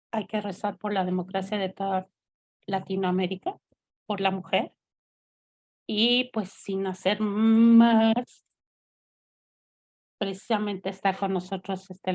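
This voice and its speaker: A woman's voice: medium pitch, a little mellow. A Mexican woman hosting a talk show, chatting casually and rambling with many fillers and asides. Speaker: host.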